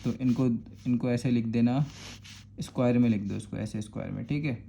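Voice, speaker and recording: A man's voice: medium pitch, brisk, creaky, mellow, slight background noise. Patient Karachi Urdu man teaching math. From Pakistan. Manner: patient, repeats "thik hai" to check understanding. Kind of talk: step-by-step math lesson.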